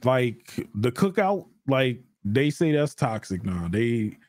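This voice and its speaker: A man's voice: medium pitch, slow, no echo, studio quality. A man in casual podcast chat, talking animatedly and acting out quotes with laughs. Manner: animated, acts out quoted voices, laughs often. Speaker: podcast guest, streamer.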